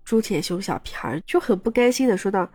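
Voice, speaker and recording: A woman's voice: mid-range voice, lively intonation, a little fast, dark tone, breathy edge, no room sound, soft background music. A woman podcast host casually retelling a story, chatty, with personal asides to her listeners.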